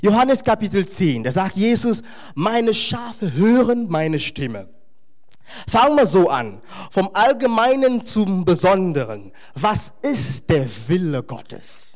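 A man preaching a sermon to a congregation, emphatic and animated, with wry humorous asides. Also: sits high, takes it slowly.

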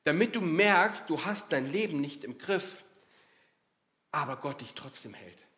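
Male preacher, slightly higher voice, chatty sermon delivery with acted asides. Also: a little slow. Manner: lively, conversational preaching with acted-out inner voices.

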